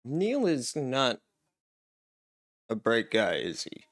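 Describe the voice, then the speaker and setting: A man's voice: mid-range voice, huge pitch swings, takes it slowly. A young man from Canada chatting casually as he reacts to a show, wondering aloud and laughing between remarks. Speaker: reaction video host.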